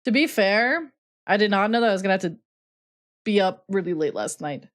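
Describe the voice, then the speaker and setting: A woman's voice: medium pitch, expressive, brisk. A woman livestreaming games, chatting casually with chat in a playful gamer-girl way full of slang. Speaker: streamer and host.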